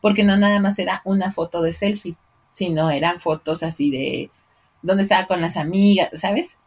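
A woman with a Mexican accent, co-hosting a podcast and telling a story in a casual, animated way, laughing and voicing the people in it. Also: on the low side, normal speed. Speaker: podcast co-host.

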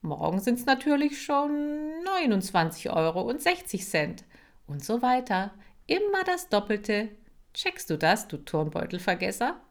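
A woman voicing a cool, self-assured young girl who gives calm, firm orders. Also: mid-range voice, slow pace, pitched above the performer's own voice. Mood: smug. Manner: firm, calmly commanding.

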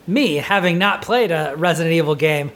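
A man co-hosting a podcast, chatting casually about a video game and swearing when he gets excited. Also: a little high, moderate pace. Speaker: podcast co-host.

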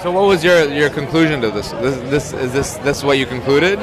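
A man's voice: mid-range voice, brisk. A man hosting a casual podcast, chatting hesitantly with many restarts and laughs, recorded at a busy outdoor market bar. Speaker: podcast host. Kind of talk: casual chat. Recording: loud crowd noise around. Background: crowd chatter.

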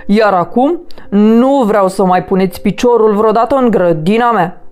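A woman voicing a big, grumpy male bear in a children's storybook, speaking gruffly and grumbling. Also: medium pitch, a little mellow, faint music behind, natural voice. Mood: stern.

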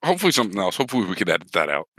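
Low-voiced guy, bright and sharp, rambling and cursing on a podcast, dry close mic. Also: very animated, rapid-fire, no room sound, rough recording. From New Jersey. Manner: rambling, profane, self-deprecating. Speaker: podcast co-host. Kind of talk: casual chat.

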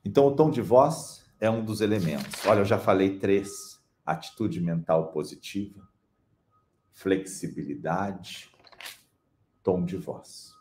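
A man giving a calm, measured motivational talk, pausing slowly for emphasis. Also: low-pitched, slight background noise. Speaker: speaker on personal development.

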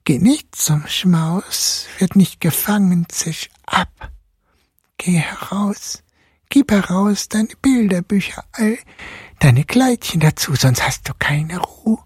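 A man voicing a gleeful, menacing male mouse king in a whispered role-play, hissing and squeaking in a breathy whisper. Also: lively intonation, slow, dry recording, studio quality, heavily acted.

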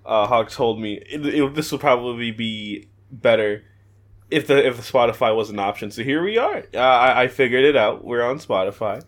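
A man's voice: medium pitch, lively intonation, normal speed. A young man co-hosting a podcast in casual chat, hesitant and stammering, often breaking into laughs. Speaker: podcast co-host.

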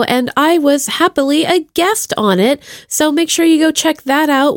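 A podcast host opens her show with chatty introductions and plugs, talking straight to listeners in an effusive, playful way. Her voice sits a little high with a darkish tone, recorded cleanly in a studio with no echo.

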